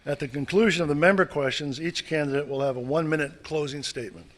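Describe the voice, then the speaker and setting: A man's voice: fairly high pitch, fast talker, fairly bright tone. A man moderating a candidate forum in a meeting hall, reading out the rules with small asides. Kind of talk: formal announcement of rules.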